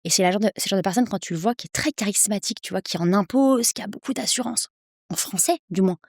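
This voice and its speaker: A woman in her thirties, an English coach, speaking persuasively as a podcast guest, with energetic quick bursts. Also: mid-range voice, no echo, studio quality. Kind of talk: podcast interview.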